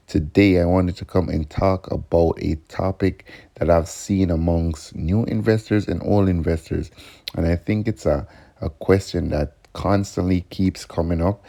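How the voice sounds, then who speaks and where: A man's voice: low voice, creaky, warm tone. A man hosting an investing video channel, explaining topics in a casual, upbeat way and calling the viewers "guys" again and again. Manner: upbeat, addresses viewers as guys, repeats points. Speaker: host of a stock investing channel.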